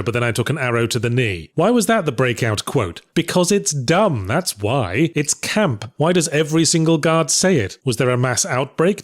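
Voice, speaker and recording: A man delivering a scripted, sardonic video game critique in a rapid deadpan style. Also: mid-range voice.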